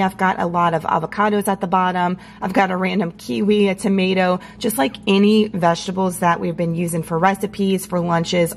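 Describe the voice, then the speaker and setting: An American woman in her thirties chatting casually and upbeat through a home tour, her scratchy, strained voice giving out from allergies. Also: on the low side. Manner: upbeat, informal, addresses viewers directly. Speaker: home organization vlogger. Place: home kitchen, indoors. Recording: clear background hum and noise.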